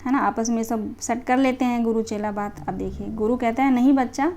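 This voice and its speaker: A woman's voice: a little high, steady tone, brisk, a little mellow, a little hiss or hum. A young woman, a Hindi teacher, reading through a play and explaining it to exam students, with frequent check-ins.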